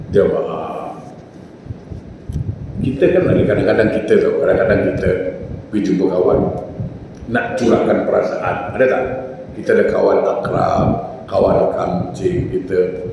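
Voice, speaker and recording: A man in giving a casual mosque sermon, moving between talk and acted-out prayers. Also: deep voice. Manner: conversational, acts out everyday speakers and prayers. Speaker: preacher. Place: mosque hall. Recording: echoey hall, far from mic, noisy.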